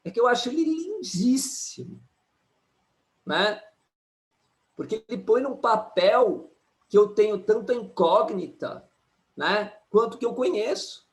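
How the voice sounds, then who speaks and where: A man, an astrologer and numerologist, giving an animated live talk and often tagging his points with "né?". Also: sits high, slow, pauses often. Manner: animated, keeps asking "né?", acts out quotes. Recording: echoey room.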